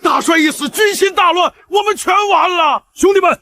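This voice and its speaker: An actor playing an alarmed, loyal army officer, agitated and exclamatory, in an animated war drama. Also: male voice, extremely high pitch, moderate pace. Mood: outraged. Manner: agitated, exclamatory, often shouting. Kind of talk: dramatized animated-comic dubbing.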